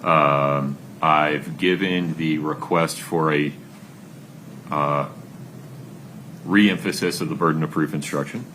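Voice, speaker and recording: A man presiding as judge, giving measured, deliberate rulings in a courtroom recording. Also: extremely low pitch, fairly even intonation, a bit bright, rough recording. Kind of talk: courtroom proceedings. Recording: courtroom recording with background noise.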